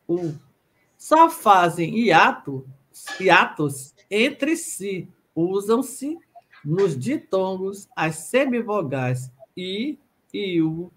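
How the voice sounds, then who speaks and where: A Brazilian woman hosts a radio language lesson at a slow, measured pace. She reads the material aloud and sounds out letters and vowels one at a time, patient and deliberate. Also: on the low side. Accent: Brazilian Portuguese. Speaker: radio host and language teacher. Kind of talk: reading a pronunciation lesson aloud.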